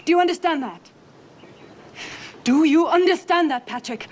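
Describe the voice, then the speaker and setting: A woman's voice: sits high, rapid-fire, natural voice. An actress playing an exasperated mother who scolds her son. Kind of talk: 1960s film acting. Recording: old film soundtrack with clear hiss.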